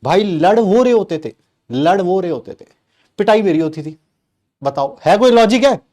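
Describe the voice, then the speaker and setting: Man, middle-aged, high-pitched, animated classroom storytelling, teasing tone. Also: moderate pace. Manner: animated and playful, teasing the class with rhetorical questions. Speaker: teacher. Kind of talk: comic storytelling in a live class.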